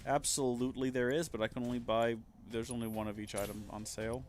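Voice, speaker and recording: A man's voice: medium pitch, little pitch movement, fast, slight background noise. A man giving casual, jokey gameplay commentary as a streamer, thinking aloud as he plays. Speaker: game streamer.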